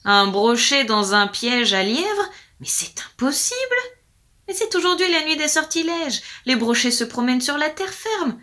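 A woman voicing a talkative, credulous peasant wife in a storybook reading, high and excited. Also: normal speed, hardly any pauses. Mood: amazed.

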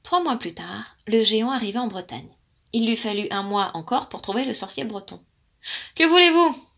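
A woman reading a storybook tale aloud in a lively, playful manner. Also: medium pitch, a little fast, gravelly.

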